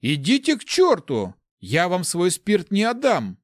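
A man voicing a grumpy, hard-drinking male paladin who is quick to anger, in a storybook reading. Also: medium pitch, animated, no echo, clean studio sound, voice pushed up, lightly acted. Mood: furious.

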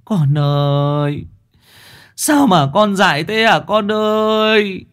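A woman's voice: mid-range voice, lively intonation, unhurried, darkish tone. Woman voicing a grieving, tearful mother. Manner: pleading, wailing lament. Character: grieving middle-aged mother, anxious and tearful.

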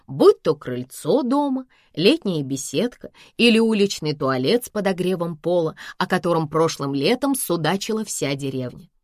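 Brief: wry woman audiobook narrator, animated delivery, dry close mic. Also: lowish voice, dry recording.

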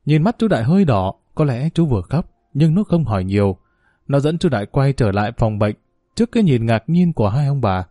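Calm male storyteller with a mellow voice. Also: mid-range voice, brisk, no echo, clean studio sound. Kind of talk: scripted story narration.

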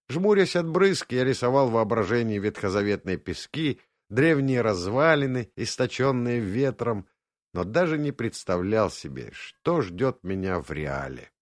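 Expressive male audiobook narrator. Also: mid-range voice, no echo, clean studio sound. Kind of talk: scripted first-person narration.

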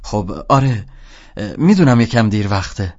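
A man voicing a teenage boy who deepens his voice to sound older, hesitant and overly polite. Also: lively intonation, darkish tone. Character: teenage boy faking a grown-up voice. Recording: dull lo-fi audio.

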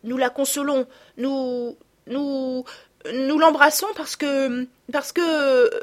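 A woman voicing a sensible young girl who speaks earnestly and gently. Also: sits high, fairly even intonation, takes it slowly, voice pushed up. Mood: stammering. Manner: earnest, hesitant when embarrassed.

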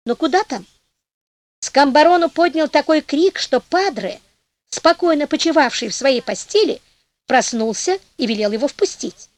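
Female storyteller for an audiobook, bright high register, animated, plays the characters. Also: moderate pace, no echo. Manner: lively storytelling, acting out the characters' voices. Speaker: audiobook narrator. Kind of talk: expressive audiobook reading of a folk tale.

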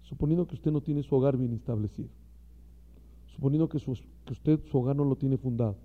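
A man's voice: medium pitch, in a large hall. A man preaching a sermon to fellow ministers, impassioned and speaking straight to his listeners. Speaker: pastor. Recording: dull lo-fi recording.

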